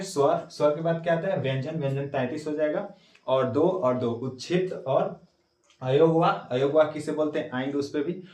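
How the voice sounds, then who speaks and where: A male teacher lectures a class in a roomy, echoing classroom, with his voice picked up from across the room. His pitch sits a little high for a man. He fires questions at his students and answers them himself in a quieter, lower tone. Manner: repeats key words and quizzes students; drops low and soft to answer his own questions. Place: classroom with a board. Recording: echoey classroom, voice from a distance.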